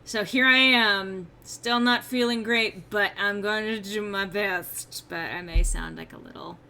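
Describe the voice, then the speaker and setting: Her mid-range voice is steady and sharp, and she speaks unhurriedly while hosting a casual gameplay stream. She rambles, mocks herself, and sounds a bit under the weather and subdued.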